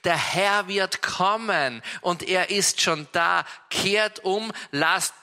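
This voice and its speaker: Stern, urgent prophet read by an Austrian male preacher; slow and solemn, brightish voice. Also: sits high, big-room sound, voice pushed up, exaggerated voice. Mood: urging. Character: stern wilderness prophet, urgent adult man.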